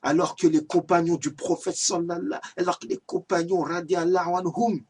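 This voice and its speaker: A man's voice: sits high, little pitch movement, normal speed, darkish tone, husky, recorded from a distance. A man giving an earnest, exhorting religious reminder in an amateur home video. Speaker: lay preacher.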